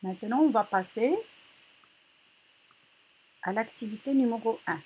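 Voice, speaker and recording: A female teacher leading a reading lesson for children, slowly repeating words and stressing each syllable loudly. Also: fairly high pitch, slightly rough, rough recording.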